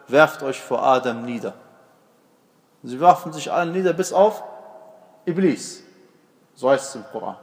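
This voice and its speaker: A man of middle pitch teaches a Quran commentary lesson, explaining grammar and meaning patiently. He talks with frequent fillers and restarts and keeps checking in with his listeners. His voice trails off in a long, lingering reverb. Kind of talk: tafsir lesson, explaining verses.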